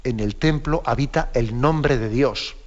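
Guy explaining the faith slowly, keeps tossing in ¿no?, kinda muffled lo-fi audio. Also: medium pitch. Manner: unhurried, with many "¿no?" asides. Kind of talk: catechetical talk on a program.

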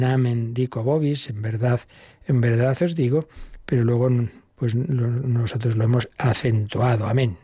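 A man, a priest, giving an unhurried catechism talk and repeating key phrases for emphasis. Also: mid-range voice, mellow, husky, no room sound, clean studio sound.

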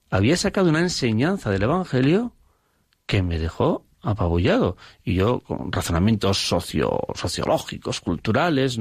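A man's voice: on the low side, gravelly, husky, no room sound, clean studio sound. A middle-aged man, a parish priest, telling stories in a reflective, conversational way and acting out quoted dialogue. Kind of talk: conversational storytelling.

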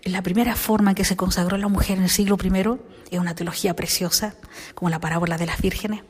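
A middle-aged woman and consecrated singer, telling her life story in an interview with lively storytelling and soft whispered asides. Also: medium pitch, quick pace, husky, big-room sound.

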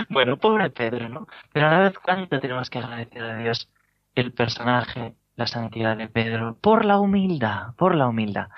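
A Spanish priest delivers a homily in a light, humorous storytelling manner with a Spain accent. His voice sits at a middle pitch. The recording is dull and lo-fi, with a dry, close sound. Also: dry recording. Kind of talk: sermon.

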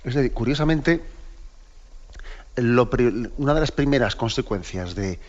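A bishop with a Spain Spanish accent teaches the catechism in a relaxed, conversational way, often turning to his listeners with quick tag questions. His voice sits at an ordinary male pitch. The recording is a little dull and lo-fi. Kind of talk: catechesis talk.

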